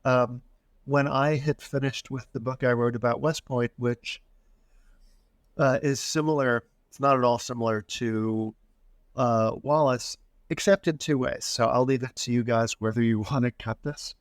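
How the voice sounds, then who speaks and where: Author guest in his own voice: a man of middle pitch who rambles, restarts, and jokes at his own expense, recorded dry. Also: steady tone, measured pace, no room sound. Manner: rambling, self-deprecating, restarts often. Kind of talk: casual interview chat.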